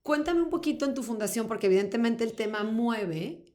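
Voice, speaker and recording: Woman host, fairly high voice, chatty, lots of fillers. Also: lively intonation, fairly quick, darkish tone. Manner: affirming, many fillers. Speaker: podcast host. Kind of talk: conversational interview.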